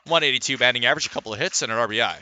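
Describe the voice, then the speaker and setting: At a rapid-fire clip, a baseball announcer calls the game live for radio in a mid-range voice that's pushed and bright, with a clean tone and no room sound. Stats roll off his tongue fluently, and each play lifts his delivery.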